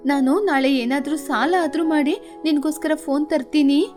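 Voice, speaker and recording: A woman's voice: high-pitched, fairly even intonation, moderate pace, darkish tone, soft background music, lightly acted. A woman voicing a poor, loving mother bird in a cartoon, in a tender and motherly way. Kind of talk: cartoon voice acting.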